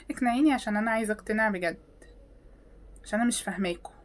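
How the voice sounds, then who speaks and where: A woman with an Egyptian Arabic accent reacts to videos in an exasperated, mocking tone. Her voice sits a little high, and she fires off rhetorical questions. She swings from loud outbursts to hushed asides. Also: big pitch swings, fairly quick.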